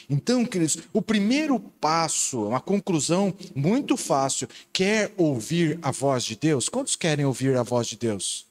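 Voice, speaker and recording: A middle-aged man with a Brazilian Portuguese accent leads a playful, animated sermon. His voice sits a little high and swings widely in pitch as he jokes with the congregation, then turns to teaching. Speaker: pastor. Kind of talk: lively sermon with audience game.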